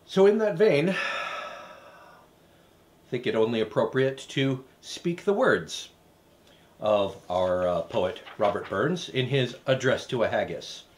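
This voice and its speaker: Give me a slow-talking man with a lively pitch, wryly reviewing a recipe. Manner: dry, hesitant, with wry asides. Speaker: cooking show host.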